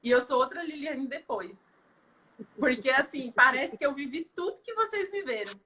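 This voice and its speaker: Woman from Brazil, high bright voice, emotional testimonial, heartfelt and halting. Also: lively intonation, a little hiss or hum. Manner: tearful, heartfelt storytelling with many fillers. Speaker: guest giving a testimonial.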